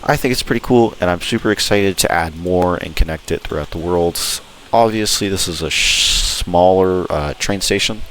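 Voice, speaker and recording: Deep-voiced man narrating casual gameplay. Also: moderate pace, few pauses, a bit bright, low-quality recording. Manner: enthusiastic, informal. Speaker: video host. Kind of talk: casual gameplay walkthrough commentary. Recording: clear background noise.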